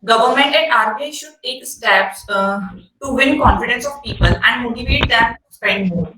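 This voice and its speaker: Young Indian woman, slow and hesitant, bright tone, echoey distant audio. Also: a little high. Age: young adult. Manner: hesitant, many fillers. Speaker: MBA student. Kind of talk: prepared panel remarks. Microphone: video call. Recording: distant roomy video call audio.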